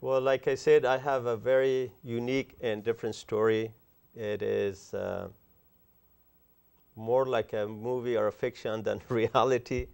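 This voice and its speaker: A man in his sixties from Afghanistan, a guest author talking earnestly and effusively in an interview, often pausing with fillers. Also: mid-range voice, little pitch movement, creaky, darkish tone, smooth. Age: 60s. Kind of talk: interview conversation.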